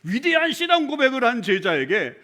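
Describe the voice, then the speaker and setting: A man's voice: very high voice, sing-song, brisk, pushed and bright. A male pastor giving a conversational sermon in church, often putting questions to the congregation. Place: church sanctuary.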